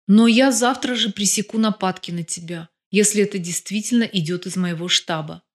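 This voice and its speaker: A woman's voice: mid-range voice, moderate pace, natural voice. A smug, teasing husband who mocks and then coaxes, as a woman reader voices him. The delivery is close, flirtatious and sure of itself, always with an edge of mockery. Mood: pleading. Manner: mocking, flirtatious.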